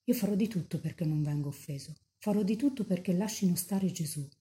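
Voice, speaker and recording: A young woman mystic lost in rapture, as a nun reads her words aloud, pleading with Mary in a fervent, tender prayer. The voice sits low and mellow. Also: fairly quick, natural voice.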